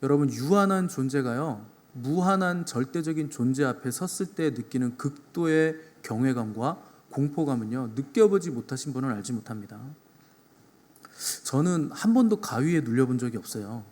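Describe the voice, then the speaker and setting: A male pastor preaching a Sunday sermon, swinging between loud emphatic peaks and soft low asides and putting rhetorical questions to the congregation. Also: expressive, normal speed, long reverb tail. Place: church sanctuary.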